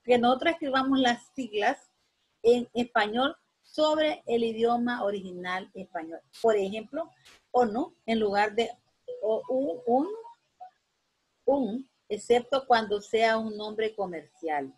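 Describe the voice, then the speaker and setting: A woman's voice: a little high, slow pace, darkish tone, husky. A woman teacher giving a spoken grammar lesson, rambling with many restarts and a constant "right?" tag.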